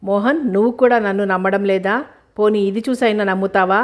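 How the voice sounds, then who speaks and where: A sad, pleading young wife in a storybook, voiced by a woman narrator, mid-pitched and earnest. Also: steady tone, brisk, natural voice. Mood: hurt. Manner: sorrowful, earnest.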